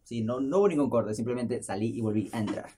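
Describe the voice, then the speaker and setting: A young man with a medium-pitched, slightly rough voice talks fast, hosting his own podcast from his bedroom. He rambles casually into the camera's close built-in mic, telling lively, jokey stories that poke fun at himself, laughing as he goes.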